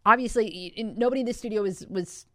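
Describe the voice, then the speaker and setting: A woman's voice: on the high side, fast, no echo, studio quality. A woman hosting a sports talk radio show, breaking down stats in a conversational way and taking calls. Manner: conversational, stat-driven analysis.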